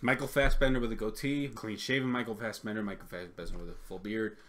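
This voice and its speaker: A tipsy man in his thirties chatting casually as a co-host, halting, repeating himself and swearing. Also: on the low side, steady tone, a bit bright. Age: 30s. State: tipsy from drinking. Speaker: film review co-host. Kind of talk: casual chat. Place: small room indoors. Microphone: desk microphone.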